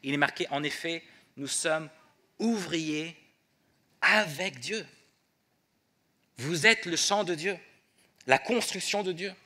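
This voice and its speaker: Bright high-voiced male preacher. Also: expressive, slow pace, pauses often. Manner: prays softly then preaches with humor. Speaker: pastor. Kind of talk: sermon. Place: church.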